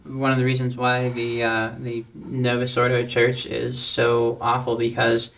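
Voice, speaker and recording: A man hosting a religious talk show, speaking earnestly and haltingly, with many fillers. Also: mid-range voice, monotone, a bit bright, low-quality recording. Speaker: host. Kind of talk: casual talk-show discussion.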